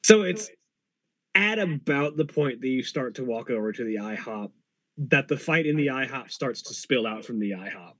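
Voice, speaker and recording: A man runs a tabletop game, improvising narration at a middle pitch. The recording is dry, with little room sound. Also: lively intonation, moderate pace, sharp tone, no echo, rough recording. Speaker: game master.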